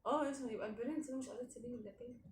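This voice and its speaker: A woman's voice: a little high, racing, far from the mic. A young woman with an Egyptian Arabic accent, bantering and teasing through a casual quiz game with a friend. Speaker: singing challenge contestant and questioner. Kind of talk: playful casual quiz chat. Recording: echoey room, off-mic, faint noise.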